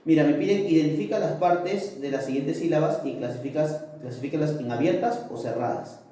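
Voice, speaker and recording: A man's voice: on the high side, a little fast, dark tone. A male language teacher explaining a lesson and checking understanding with frequent tag questions. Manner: explanatory, keeps asking "¿correcto?". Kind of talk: recorded video lesson. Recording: very echoey room, mic far off.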